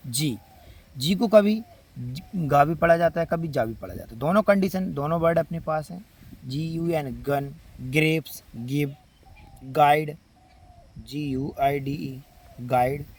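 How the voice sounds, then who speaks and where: A man's voice: fairly high pitch, slightly rough. A man with an Indian Hindi accent teaching English letter sounds, repeating example words one by one. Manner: slow, drawn-out word-by-word pronunciation drills. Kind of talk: spoken phonics lesson.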